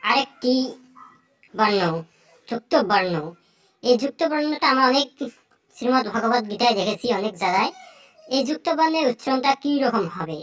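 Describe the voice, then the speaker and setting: A young speaker teaching Sanskrit pronunciation, speaking slowly and saying each example word several times. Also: medium pitch, fairly bright tone.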